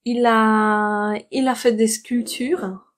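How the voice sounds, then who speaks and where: A woman teaching a language lesson, patiently explaining words and repeating them slowly, sometimes dropping to a soft murmur. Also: fairly high pitch, fairly even intonation. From France. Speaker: French teacher.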